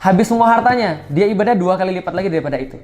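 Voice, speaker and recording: High-voiced male preacher giving a lecture. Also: expressive, racing, a little mellow. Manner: conversational, self-correcting, teasing asides. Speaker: Islamic preacher. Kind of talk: Islamic study lecture.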